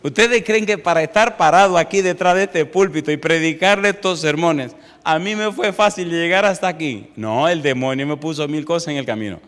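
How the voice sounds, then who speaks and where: A fairly high-voiced male preacher speaks from a church pulpit, his lively storytelling aimed straight at the congregation. His voice carries a long hall reverb around it. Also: fairly quick, hardly any pauses. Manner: lively, addresses congregation directly with repeated questions. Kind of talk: sermon with personal storytelling.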